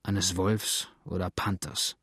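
A man's voice: low-pitched, little pitch movement, takes it slowly, fairly bright tone, breathy edge, no room sound, clean studio sound, pitched below the performer's own voice, exaggerated voice. A man playing a bitter, hungry runaway. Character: hungry, bitter male runaway, defiant and restless.

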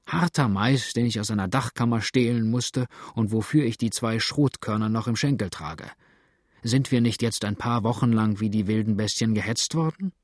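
A man's voice: fairly low pitch, moderate pace, no room sound, clean studio sound, close to an everyday voice. A man voicing a hungry, bitter male runaway who talks in an agitated, complaining way.

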